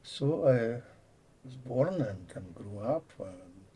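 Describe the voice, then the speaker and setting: A Latvian computer science professor, an older man appearing as a guest, explains ideas conversationally as if thinking aloud, with a Latvian accent and frequent dropped articles. His mid-range voice is warm, animated, and slow, and the recording carries a little hiss or hum.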